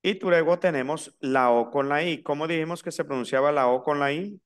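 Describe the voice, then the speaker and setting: A man teaching a French lesson in Spanish, slowly spelling out and repeating each word. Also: fairly high pitch, clean tone. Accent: Latin American Spanish. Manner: slow, spelled-out pronunciation drills. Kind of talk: online language lesson.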